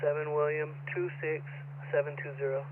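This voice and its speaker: A man's voice: fairly high pitch, flat delivery, fairly quick. A man on police radio, reading out plates in the phonetic alphabet. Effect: police radio transmission. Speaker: police officer. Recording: tinny radio scanner with static.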